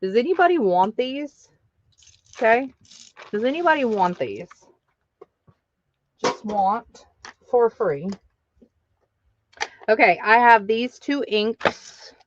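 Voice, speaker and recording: A woman's voice: fairly high pitch, animated, slow, pauses often, muffled recording, slight background noise. A woman hosting a live craft sale stream, chatting casually with viewers and laughing often.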